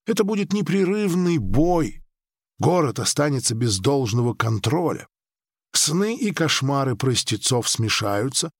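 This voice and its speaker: A man voicing an old, powerful foreign dream-weaver who speaks in a measured, persuasive, faintly ironic way. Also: mid-range voice, husky, dry recording, clean studio sound, exaggerated voice.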